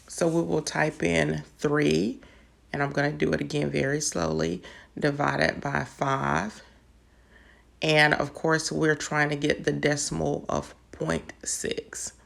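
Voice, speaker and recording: A woman's voice: deep voice, vocal fry. A woman patiently explaining math step by step in an online lesson. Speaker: math teacher.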